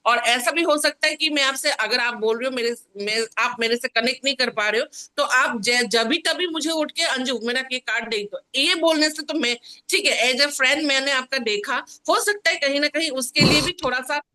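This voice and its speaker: A woman tarot reader casually telling a story in an animated, indignant way, with many fillers. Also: sits high, normal speed, hardly any pauses.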